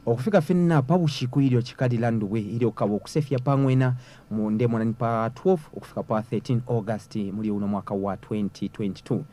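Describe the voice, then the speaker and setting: A man's voice: medium pitch, fast talker, dark tone. A man with a Zambian accent, hosting and presenting a programme. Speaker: radio-style programme host.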